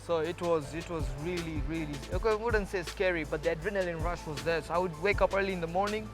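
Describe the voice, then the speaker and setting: With music behind him, a Kenyan man with a slightly high voice talks fast. He comes across as a street artist in a documentary, relaxed and reflective in interview and walk-along talk, often saying words twice for emphasis.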